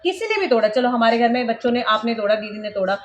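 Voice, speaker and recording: A woman's voice: fairly high pitch, expressive, fast, muffled recording. A woman mother vlogging at home, talking to camera in an emphatic, lecturing way and scolding her child now and then. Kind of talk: casual vlog talking to camera. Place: indoors at home.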